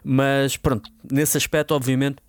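A man with a European Portuguese accent, co-hosting a podcast and explaining his views in a measured, casual way. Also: medium pitch, little pitch movement, clear, resonant tone. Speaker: podcast co-host. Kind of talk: casual chat.

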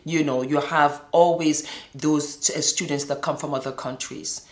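Her voice fairly low and her tone steady, a middle-aged Nigerian-Scottish woman who once modeled recounts her life at a moderate pace. Emphatic repetition drives her testimony home, and the indoor recording echoes.

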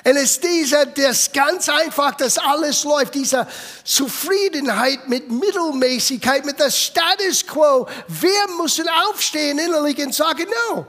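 High-voiced preaching man, English-accented German. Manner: emphatic, swings between loud urging and quiet low asides. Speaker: pastor. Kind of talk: sermon. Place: church hall. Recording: long reverb of a church hall.

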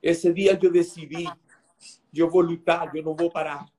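Male pastor guest, high voice, emotional halting testimony. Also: steady tone, a little mellow. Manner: halting, repeats words for emphasis.

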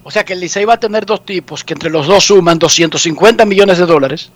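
High-voiced Dominican sports radio host. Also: male voice, fast talker, no room sound. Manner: joking, theatrical mock sobbing. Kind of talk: comic sports talk radio.

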